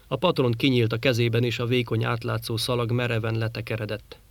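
A man reading a science fiction story aloud in a measured storytelling manner. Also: mid-range voice, flat delivery, gravelly, dry recording. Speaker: audiobook narrator. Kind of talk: scripted narration.

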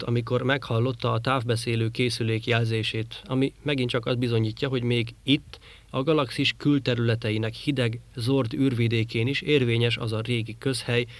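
A man reading a science fiction story aloud in a measured storytelling manner. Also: mid-range voice, no room sound. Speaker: audiobook narrator. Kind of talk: scripted narration.

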